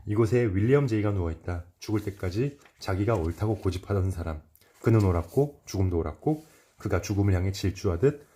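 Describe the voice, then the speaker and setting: A man calmly reading a self-help book aloud, measured, with occasional slips that he corrects. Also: lowish voice. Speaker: reader.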